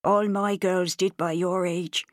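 A woman's voice: on the low side, steady tone, slow, no echo. Woman doing old traveller lady, motherly, chatty, dry close sound. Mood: homely. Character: kindly old Irish traveller woman, bedridden.

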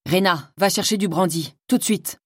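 Woman reader as a blunt, commanding caretaker: low, firm and dry. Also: normal speed, fairly bright tone, no room sound. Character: brisk, no-nonsense caring woman.

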